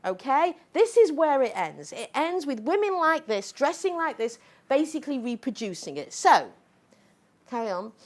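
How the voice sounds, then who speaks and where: Combative, animated woman lecturer. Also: high voice, moderate pace. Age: middle-aged. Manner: combative, sarcastic, punctuates points with "okay?" and "right?". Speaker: sociology professor giving a lecture. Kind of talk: impassioned public talk.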